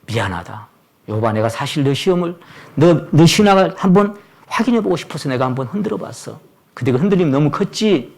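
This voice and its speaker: A man preaching who voices God speaking to Job, first softly apologizing, then sternly questioning. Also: lowish voice, normal speed, pauses often, lightly acted. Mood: tender, apologetic. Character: God speaking to Job, elderly male deity.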